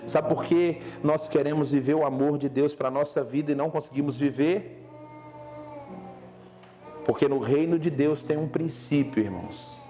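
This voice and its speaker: A young man from Brazil, a pastor telling a story in a Sunday sermon, swinging between loud urgent preaching and low, slow emphasis. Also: faint music behind. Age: young adult. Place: church service.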